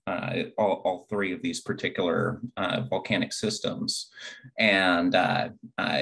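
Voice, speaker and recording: Halting, gravelly low-voiced male presenter. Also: a bit bright, low-quality recording. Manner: halting, many filler sounds; explains terms plainly for a lay audience. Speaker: geology student presenting his mapping research. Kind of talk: recorded slide presentation.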